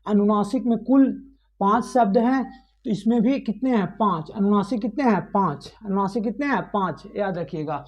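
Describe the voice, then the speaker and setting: A woman's voice: medium pitch, moderate pace, darkish tone. A woman teaching a grammar lesson, asking the class questions, answering them herself and repeating the key points.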